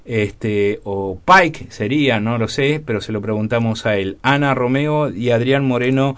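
A man's voice: medium pitch, moderate pace. Chatty Argentine radio host, man. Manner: chatty, enthusiastic, warmly promoting. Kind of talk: radio interview.

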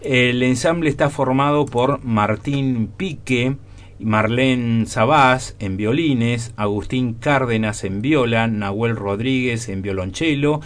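Male radio host, Argentine accent, mid-pitched, upbeat and talkative. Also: takes it slowly. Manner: chatty, enthusiastic, warmly promoting. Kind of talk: radio interview.

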